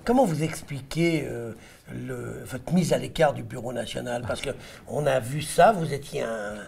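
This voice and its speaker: Gravelly-voiced male interviewer. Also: mid-range voice, normal speed, a little mellow. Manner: teasing, pointed questions. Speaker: radio interviewer. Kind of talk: probing political interview.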